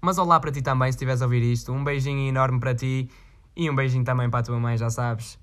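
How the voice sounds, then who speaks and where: A man's voice: mid-range voice, steady tone, fast, fairly bright tone. A man with a European Portuguese accent, chatting casually in a vlog and reading out viewer requests in a rambling, slangy way with frequent swearing. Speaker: vlogger.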